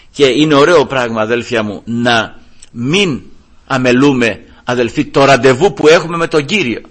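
A male preacher delivering a sermon, emphatic and repeatedly addressing his listeners as brothers, with a husky voice. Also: medium pitch, fairly bright tone.

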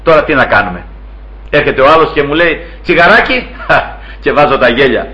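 A man preaching a sermon, telling stories with animated delivery, acting out voices and often calling out to his brothers. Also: medium pitch. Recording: dull lo-fi recording.

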